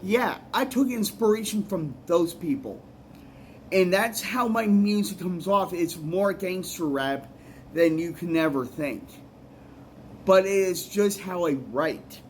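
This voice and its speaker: A man's voice: high-pitched, lively intonation, slow pace, a little hiss or hum. A man, a musician and poet, giving rambling, earnest advice in a casual vlog, often repeating himself.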